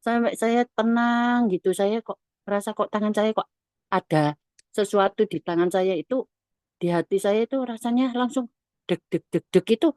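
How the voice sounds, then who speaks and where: A woman's voice: medium pitch, moderate pace, a little mellow, no room sound, clean studio sound. A middle-aged woman giving an emotional personal testimony, repeating herself and restarting often.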